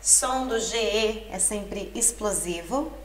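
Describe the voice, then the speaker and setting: A woman teaching an Italian lesson to Portuguese speakers, explaining patiently and reading lyric lines aloud slowly. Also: medium pitch, a little hiss or hum. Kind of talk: language lesson. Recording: echoey room, mic at a distance.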